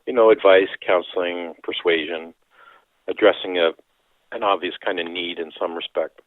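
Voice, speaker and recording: A low-pitched Canadian man in his sixties, a priest and author, gives reflective interview answers and often restarts his sentences. There is no echo, but the line sounds tinny, like a phone.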